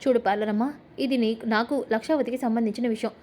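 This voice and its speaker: A blunt young husband who answers back sarcastically and defiantly, voiced by a woman narrator. The tone is warm and a little high, in a storybook recap. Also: steady tone, fast talker, close to an everyday voice.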